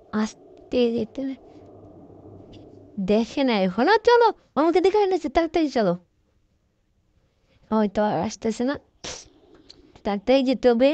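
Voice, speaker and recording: A woman with a high, bright-toned voice chatters through a game, hurrying herself along and reacting out loud. The sound is dry and close, a little dull and lo-fi. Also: no echo. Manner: chatty, excitable, talks to herself while playing. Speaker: gameplay commentator. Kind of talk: casual let's-play commentary.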